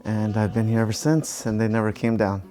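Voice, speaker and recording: A man in his fifties, a firefighter, talking about himself in a relaxed, easygoing way. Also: fairly low pitch, brisk, faint music behind. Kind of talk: interview.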